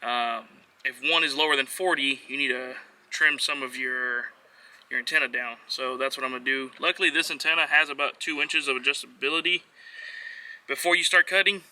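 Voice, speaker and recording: A man's voice: mid-range voice, steady tone, brisk, pushed and bright. A man giving a casual, unscripted how-to walkthrough as a vlogger, talking in an offhand, hesitant way with trailing phrases. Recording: noisy on-location vlog audio.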